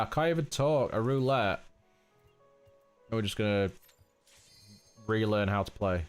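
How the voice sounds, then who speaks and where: A man in his thirties with a nasal voice, chatting casually to viewers during a game stream. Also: on the low side. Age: 30s. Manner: rambling, chatty, talks to chat as mate. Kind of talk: casual live-stream chat.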